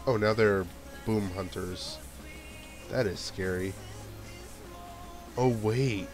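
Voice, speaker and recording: A fairly low-pitched man with a blocked nose speaks at a slow pace while playing a video game. Game background music plays under his casual let's play commentary as he thinks aloud about what to do next.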